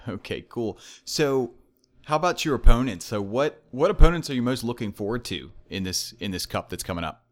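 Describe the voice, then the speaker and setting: A man's voice: mid-range voice, lively intonation, a little fast. A man interviewing a competitive player in casual chat, joking and self-deprecating.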